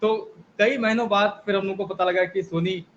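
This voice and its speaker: A man speaking slowly and respectfully as a guest over a bad video call connection that keeps cutting out. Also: high voice, steady tone, fairly bright tone. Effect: breaking up over a bad video call connection. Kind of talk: remote interview reminiscing. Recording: dull lo-fi call audio with faint noise.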